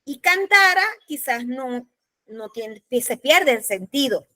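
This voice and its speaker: Woman lecturer, bright and high, unhurried, drawing out examples. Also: lively intonation, no room sound. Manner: patient, spells out examples slowly. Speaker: law course instructor. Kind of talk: lecturing on spelling rules. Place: classroom or online class.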